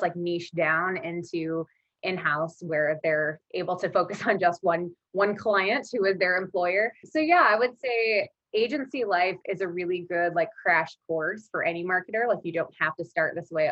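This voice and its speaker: A woman's voice: fairly low pitch, fairly bright tone, slightly rough, dry recording. A woman speaking as a podcast guest in an informal, conversational way, in a casual interview chat with muffled audio. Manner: informal, conversational, frequent 'like' as filler. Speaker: podcast guest, marketing leader.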